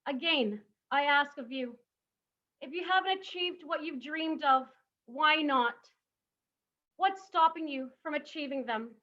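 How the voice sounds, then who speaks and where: A woman in her thirties delivers a motivational talk in a high, bright voice. She leans on emphatic rhetorical questions. The audio sounds a little dull and lo-fi. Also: a little slow. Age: 30s. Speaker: summit speaker.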